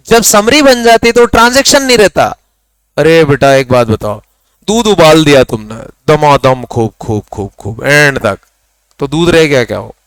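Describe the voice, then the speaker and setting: Brisk male accounts teacher quizzing a class. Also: fairly high pitch, a bit bright, clear, resonant tone, no room sound. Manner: quizzing students, mixing Hindi with English terms; dictates definitions slowly, word by word. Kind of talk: classroom lecture.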